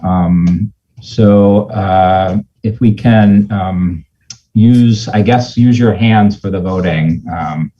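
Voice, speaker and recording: A man chairing an online meeting in an informal, hesitant and apologetic way, halting often, with muffled audio. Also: sits low, dark tone. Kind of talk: informal procedural meeting talk. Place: remote video meeting.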